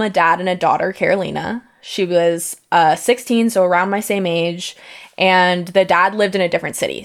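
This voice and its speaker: A young adult woman from the United States tells a personal story from her teenage years, acting out the quoted lines with lively energy. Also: lowish voice. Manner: lively, animated retelling with acted-out quotes.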